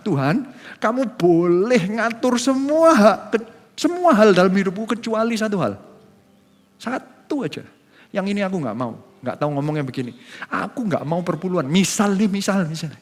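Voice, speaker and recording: High-voiced male pastor in echoing hall. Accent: Indonesian. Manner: conversational, acts out quoted voices, repeats words. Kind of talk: sermon. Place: large church hall. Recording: live church hall with long reverb.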